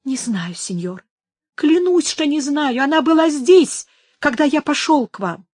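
A woman's voice: high voice, lively intonation, a little slow, a little mellow, no echo, pitched above the performer's own voice. A woman voicing a frightened old man who swears and pleads in a read-aloud story. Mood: pleading. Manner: pleading, grumbling.

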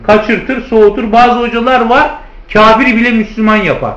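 A man's voice: very high-pitched, fairly even intonation, normal speed, fairly bright tone. A man teaching a theology lesson, who keeps asking rhetorical questions and answering them himself, and who calls his listeners friends. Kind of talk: lecture on hadith commentary. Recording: roomy, slightly dull lecture recording.

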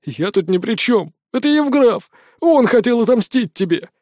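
Guy putting on a squeaky crying kid, begging and sobbing, super dry close sound. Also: expressive, slow, a little mellow, no echo, exaggerated voice. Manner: pleading, tearful, high-pitched. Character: boy nicknamed Rat, sobbing, begging for help.

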